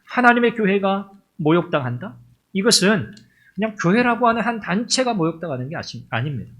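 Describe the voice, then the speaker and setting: A male pastor delivering an impassioned sermon in a high, husky voice. His pitch leaps and falls as he preaches, and he acts out the words of the biblical figures he quotes. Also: big pitch swings, brisk, fairly bright tone.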